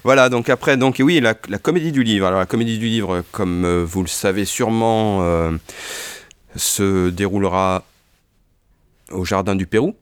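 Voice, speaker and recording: A bookseller presenting authors in a relaxed chat, hesitant, with many fillers and restarts. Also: male voice, fairly low pitch, moderate pace, clean tone, no echo.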